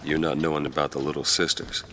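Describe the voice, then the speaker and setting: An actor playing a gruff, weary, middle-aged detective in a video game, curt and clipped. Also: male voice, level tone, fast, background noise. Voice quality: gravelly, low. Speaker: hard-boiled detective.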